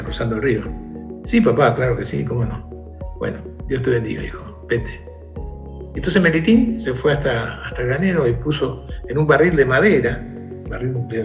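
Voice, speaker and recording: Man, gravelly voice, animated storyteller, soft music behind. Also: mid-range voice. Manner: animated, acts out shouted calls in the story. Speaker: guest storyteller. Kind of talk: conversational storytelling.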